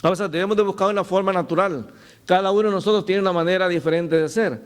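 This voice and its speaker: Middle-aged pastor guy preaching, slightly high voice, tells stories, keeps saying brother. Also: fast, clear, resonant tone. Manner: storytelling, addresses listeners as "hermano". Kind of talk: sermon with personal stories.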